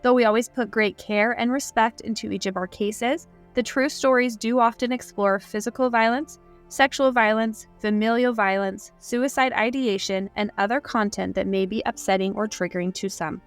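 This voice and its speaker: A chatty woman co-hosting a true-crime podcast, her voice sitting a little high. She talks casually, with plenty of "like" fillers, over faint music. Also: moderate pace, few pauses. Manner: chatty, says she gets easily spooked, fillers like "like". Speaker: podcast co-host.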